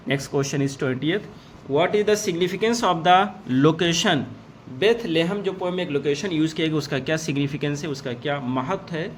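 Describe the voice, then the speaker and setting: A man with a slightly high voice gives an exam-prep lesson. He reads multiple-choice questions aloud in slowly and deliberately, then explains each answer in a brisk, conversational way. Faint background noise sits under his voice. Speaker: teacher.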